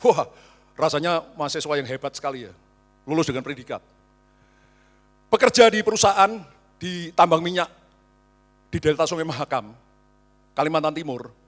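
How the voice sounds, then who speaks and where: A middle-aged man from Indonesia preaching a sermon as a pastor, swinging between loud emphasis and hushed asides. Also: a little high, lively intonation, moderate pace, long pauses, soft background music.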